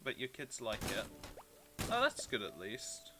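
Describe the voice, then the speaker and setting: A man's voice: fairly low pitch, wildly swooping pitch, measured pace, music in the background. A British man streaming a game, chatting casually with viewers in a rambling, self-deprecating way. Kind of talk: casual live-stream chat, answering viewers.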